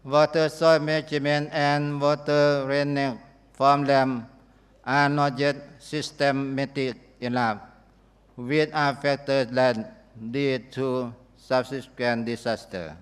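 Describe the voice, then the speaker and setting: A man with a Lao accent giving a formal podium speech, phrasing carefully and haltingly, as a government delegate. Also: medium pitch, level tone, clean tone. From Laos. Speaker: government official, conference delegate. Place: large conference hall. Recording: reverberant large hall.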